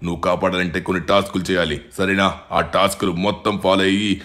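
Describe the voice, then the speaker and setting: A man's voice: low voice, level tone, quick pace, a bit bright. A man voicing a trapped young male hero who urgently pleads for rescue in a game video. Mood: urgent pleading.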